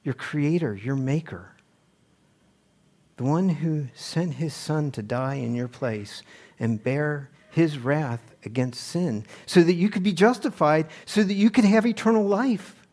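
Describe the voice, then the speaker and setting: A man's voice: on the high side, a little slow, darkish tone. A man preaching a sermon earnestly, now and then pressing a point with emphasis. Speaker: pastor.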